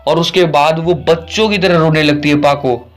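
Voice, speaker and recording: A man's voice: on the high side, normal speed, soft background music. Chatty man retelling a cartoon. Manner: chatty, addresses viewers directly. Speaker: cartoon recap narrator. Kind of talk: casual storytelling recap.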